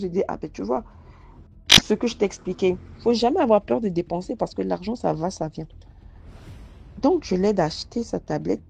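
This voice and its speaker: Woman storyteller, low and gravelly, halting first-person tale with faint music underneath. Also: mellow. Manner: hesitant, repeats words and restarts often. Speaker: storyteller recounting a personal mystical experience.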